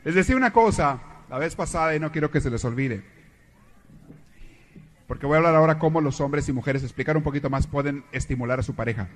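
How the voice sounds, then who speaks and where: Joking priest preaching. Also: male voice, a little high, animated, quick pace. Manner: storytelling, joking. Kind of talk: sermon.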